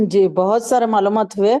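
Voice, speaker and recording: A woman's voice: mid-range voice, steady tone, normal speed, mellow, no room sound. A woman student who asks the teacher polite, hesitant questions.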